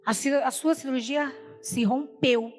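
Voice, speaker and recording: A woman's voice: high-pitched, steady tone, measured pace, big-room sound, soft background music. A woman preacher giving an emotional personal testimony in a sermon, retelling the story with many repeated quotes, speaking Brazilian Portuguese. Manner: storytelling, repeats "falei assim".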